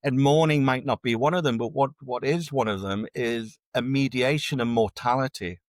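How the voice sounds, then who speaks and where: Interviewed as a guest, a dark tourism researcher speaks at normal speed with a medium-pitched voice, discussing ideas in a relaxed academic manner. He frequently restarts, repeating words as he does, and the recording has no room sound.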